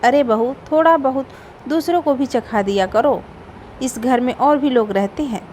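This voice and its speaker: A woman's voice: high voice, normal speed, a little mellow, slight background noise, close to an everyday voice. Woman reading as a stern scolding mother-in-law. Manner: scolding, suspicious. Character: stern middle-aged mother-in-law, quick to blame.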